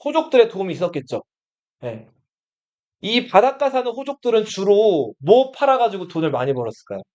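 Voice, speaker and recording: Fairly quick and sing-song, a man's high-pitched, mellow voice leads a Korean history lesson for students in a study room classroom. He keeps questioning the class and then answering himself, in a dull lo-fi classroom recording.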